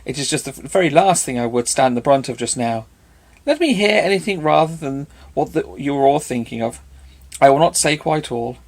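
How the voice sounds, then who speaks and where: A man's voice: on the high side, expressive, brisk, darkish tone. A man voicing a witty young heroine. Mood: bright. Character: young woman, clever, teasing heroine. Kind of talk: audiobook character reading.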